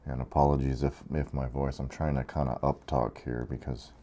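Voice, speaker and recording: A man's voice: very deep voice, little pitch movement, brisk, dark tone. A tired man giving laid-back, rambling commentary over a strategy game, with frequent fillers. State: tired after being awake 23 hours. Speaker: gameplay commentator.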